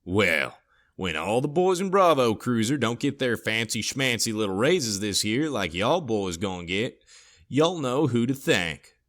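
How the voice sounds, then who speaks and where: A man's voice: mid-range voice, very animated, unhurried, a bit bright. A man doing a drawling Southern police sergeant. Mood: cocky. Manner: thick drawl, folksy swagger.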